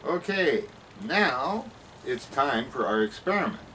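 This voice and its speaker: A man's voice: mid-range voice, very animated, slow, bright, forceful tone, exaggerated voice. A man playing a cheerful, careless science professor in a spoof 1950s kids' TV broadcast, explaining things in a folksy, rambling way. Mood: casual, careless. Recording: distant mic with room noise.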